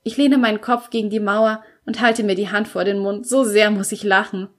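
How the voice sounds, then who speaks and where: A woman narrating a first-person audiobook in an expressive storytelling manner. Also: medium pitch, normal speed.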